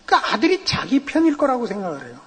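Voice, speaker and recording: A middle-aged man preaching a sermon as pastor, telling humorous anecdotes in a lively way. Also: extremely high pitch, very fast, slightly rough. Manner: lively, animated storytelling with acted quotes. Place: church sanctuary. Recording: long reverb of a church hall.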